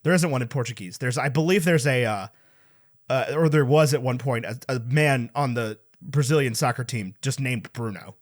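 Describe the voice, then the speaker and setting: A man co-hosting a casual movie review podcast is losing his voice, yet stays animated and playful, rambling with restarts. He speaks at normal speed with a medium pitch into a podcast mic.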